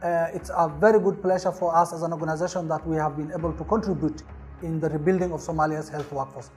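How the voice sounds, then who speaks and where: A woman's voice: low-pitched, fairly even intonation, quick pace, darkish tone, faint music behind. A woman speaking for her organization in a documentary interview, in a formal and composed way. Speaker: organization representative.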